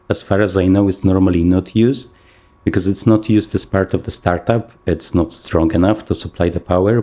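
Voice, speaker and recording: A man casually talking through a flight simulator session, thinking aloud with plenty of fillers, his voice a little rough from the morning. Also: deep voice, a little mellow. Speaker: flight sim video host. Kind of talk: casual gameplay commentary.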